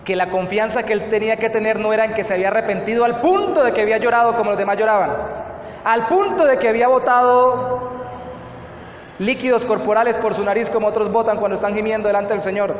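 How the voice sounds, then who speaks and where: A man's voice: high-pitched, fairly even intonation, rapid-fire, few pauses, a little hiss or hum. A Colombian man preaching a sermon as pastor, earnest and repeating phrases for emphasis. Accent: Colombian Spanish. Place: church hall. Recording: echoey church hall, slightly dull.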